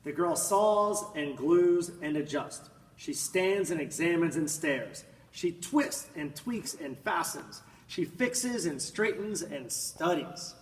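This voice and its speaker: A man reading a children's picture book aloud in an expressive, dramatic manner, drawing out words and swelling with emphasis. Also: a little high, slow, hardly any pauses. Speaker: storybook reader. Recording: echoey room, distant mic, faint noise.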